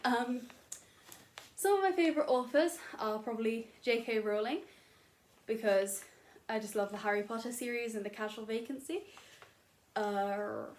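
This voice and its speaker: A young adult booktuber chats casually to camera about books from her bedroom, rambling, self-deprecating, and heavy on fillers. Her voice is a little high and a little mellow.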